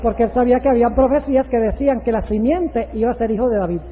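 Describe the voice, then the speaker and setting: A man's voice: very high-pitched, fast. A male pastor preaching a sermon, emphatic and full of rhetorical questions. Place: church. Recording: tinny, echoey hall, radio-like.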